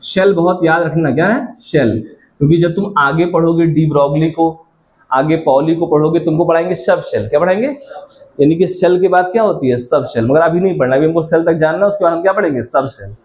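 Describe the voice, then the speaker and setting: A man's voice: fairly high pitch, brisk, a little mellow. Man quizzing students in a lecture. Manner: keeps quizzing students with repeated questions, answers them himself; addresses students affectionately, calls them child. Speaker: science teacher. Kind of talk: classroom lecture.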